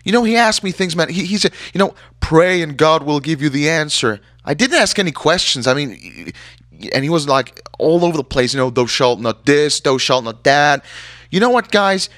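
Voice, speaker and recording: A rambling sarcastic radio DJ. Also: male voice, a little high, animated, moderate pace, a bit bright, no room sound, studio quality. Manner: rambling, sarcastic, stumbling restarts. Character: rambling, irreverent male radio DJ. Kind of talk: radio DJ banter.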